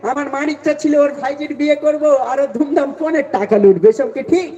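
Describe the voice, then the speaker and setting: A man folk singer teasing his opponent and the crowd in a live stage debate, breaking into slow sung verses. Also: very high voice, warm tone, long reverb tail. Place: live stage before an audience. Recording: distant, dull live stage recording.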